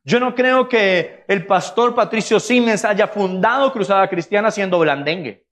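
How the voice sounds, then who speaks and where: A pastor preaching in a church with a high, ringing voice. He is emphatic and lively, often slipping into mimicry of the excuses people give. It is a man's sermon, delivered in earnest. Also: moderate pace. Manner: emphatic, acts out congregants' excuses in funny voices. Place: church sanctuary.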